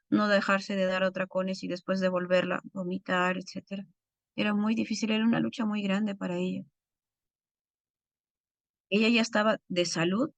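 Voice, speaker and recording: A woman's voice: mid-range voice, vocal fry, no room sound. A middle-aged woman teaching a recorded Bible course, speaking earnestly and directly to her listeners.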